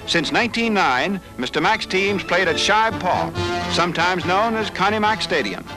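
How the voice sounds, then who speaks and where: A man narrating an old newsreel in a brisk, formal announcer manner. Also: sits high, sing-song, over music, poor audio.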